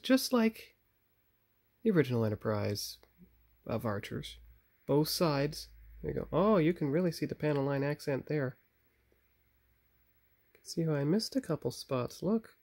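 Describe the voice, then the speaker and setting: A model builder and channel host chats casually with viewers while painting a model at his workbench, thinking aloud and correcting himself. A phone camera on a tripod records him. His fairly high voice is creaky and darkish in tone, with lively intonation, a moderate pace, and frequent pauses.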